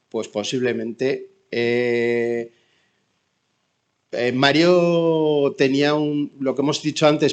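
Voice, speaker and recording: A man with an accent from Spain gives spontaneous testimony as a bereaved father, in quiet, subdued grief, halting and searching for words with many pauses. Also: fairly high pitch, clean tone, dull audio. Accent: Spanish from Spain. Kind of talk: spontaneous testimony at an online talk.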